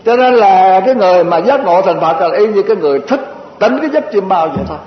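A man delivers a Buddhist dharma talk in a high, light voice. He speaks in a homely, repetitive way, piling up short lists and slipping in chuckling asides. The recording is muffled, with a long echoing hall reverb and a faint hiss underneath. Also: animated, fast talker. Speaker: Buddhist teacher.

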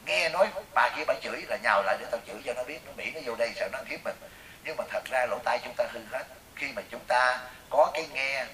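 Southern vietnamese guy preaching a buddhist sermon, bright sharp voice, echoey room, mic kinda far off. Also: mid-range voice, slight background noise. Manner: lively storytelling, asks the audience questions. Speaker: Buddhist teacher.

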